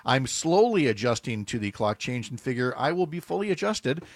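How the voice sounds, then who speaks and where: A man's voice: mid-range voice, big pitch swings, brisk, no room sound. Chatty male radio host, dry studio sound. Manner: chatty, jokey, many fillers and restarts. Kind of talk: casual radio chat.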